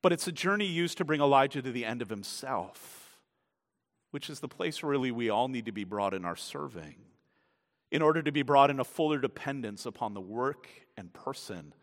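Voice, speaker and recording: Lively-voiced male preacher in a reverberant hall. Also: medium pitch, moderate pace. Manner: dramatic preaching, swinging from hushed to loud. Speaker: pastor. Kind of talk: sermon. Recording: long reverb from a large room.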